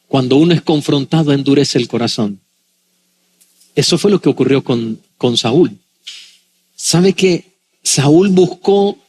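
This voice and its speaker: A man, a pastor, preaching a sermon with dramatic pauses and acted-out quotes. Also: fairly high pitch, a little mellow, husky.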